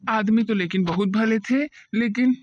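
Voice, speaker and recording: A woman's voice: a little high, moderate pace, a little hiss or hum, close to an everyday voice. A woman voicing a gossipy, tactless middle-aged village uncle in a cartoon, with a rambling manner and muffled audio. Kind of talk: cartoon voice acting.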